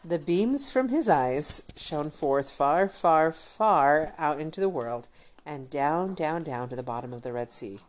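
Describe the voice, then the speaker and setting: A woman reading a fairy tale aloud in an expressive, animated way. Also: low voice, a little slow, rough recording. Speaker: storyteller.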